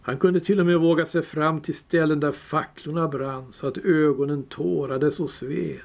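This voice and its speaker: A man reading a fantasy novel aloud in a calm, measured storytelling voice. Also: on the high side, vocal fry. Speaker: reader. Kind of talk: audiobook reading.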